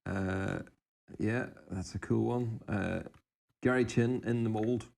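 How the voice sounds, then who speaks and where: A man's voice: on the low side, fairly even intonation, takes it slowly, gravelly, a little mellow. A man co-hosting a podcast, reading out listener suggestions and adding brief, informal remarks in casual unscripted chat. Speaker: podcast co-host.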